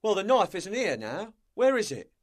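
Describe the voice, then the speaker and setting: A man voicing a fearful, rough pirate crewman in a storybook reading, excitable and jumpy. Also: sits high, normal speed, voice pushed up. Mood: uneasy.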